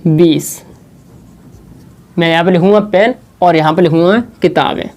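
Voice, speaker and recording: A man teaching a maths lesson at a board, slowly explaining and repeating, asking questions and answering them himself. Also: sits high, steady tone, a little mellow. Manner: slow, repetitive explaining.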